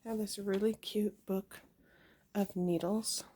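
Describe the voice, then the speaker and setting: A young woman speaks unhurriedly in a warm, steady, mid-range voice, with slight background noise. As a homesteading vlogger at home, she casually shows an item to her camera, chatty and giggly, laughing a little and using many fillers.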